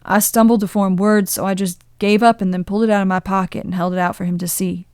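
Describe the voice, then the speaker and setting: A woman voicing a young man in his twenties, sheepishly and tenderly recounting a memory in halting confessional storytelling. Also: medium pitch, level tone, a little mellow, clear, resonant tone, no room sound, studio quality, close to an everyday voice. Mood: wistful.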